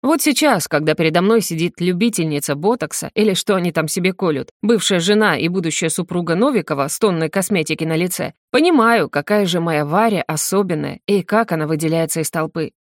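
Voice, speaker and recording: A woman's voice: on the low side, expressive, brisk, few pauses, no echo. Woman reading an audiobook, dry sound. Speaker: audiobook narrator. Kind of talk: first-person audiobook narration.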